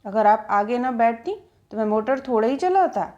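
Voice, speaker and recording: A woman's voice: high voice, expressive, normal speed, darkish tone, dull audio, voice pushed up. A woman voicing a cheeky young male chauffeur who teases and coaxes in a playful, mocking way. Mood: teasing.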